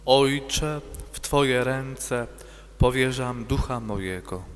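A man reading the words of Jesus in a liturgical Passion reading, slow and solemn. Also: medium pitch, steady tone, a bit bright. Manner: slow, measured, solemn delivery. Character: Jesus, solemn grown man, calm and grave. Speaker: reader of the Passion. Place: church. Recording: long church reverb.

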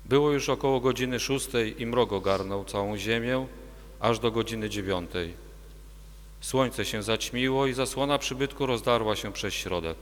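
A man narrating the Passion as a liturgical reading, steady and measured. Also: mid-range voice. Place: church. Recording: long church reverb.

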